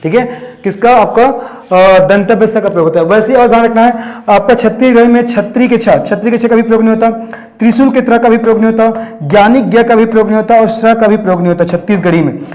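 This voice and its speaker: A man from Chhattisgarh with a fairly high voice teaches an exam-prep grammar lesson. He keeps posing questions and answering them himself, repeating each key term. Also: fairly even intonation, fast, a little mellow. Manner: asks and answers his own questions, repeats key terms.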